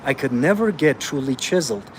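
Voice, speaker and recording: A man's voice: medium pitch, expressive, brisk, a little hiss or hum. A man from Austria, a fitness coach answering viewer comments in a blunt, emphatic way, calling listeners bro.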